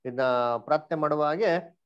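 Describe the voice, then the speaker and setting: A man's voice: fairly high pitch, moderate pace, muffled recording. A man teaching an online Bible study class, quizzing the group and mixing English words into his speech.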